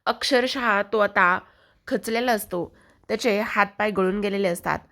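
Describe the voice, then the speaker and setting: Woman narrator, serial recap, steady storyteller. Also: mid-range voice, unhurried. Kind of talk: retelling a TV serial episode.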